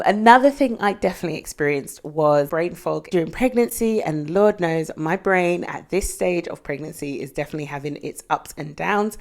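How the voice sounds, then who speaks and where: Low-voiced chatty British woman. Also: darkish tone. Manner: chatty, candid, with frequent fillers. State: pregnant, often out of breath. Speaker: vlogger. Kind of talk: casual vlog talk to camera.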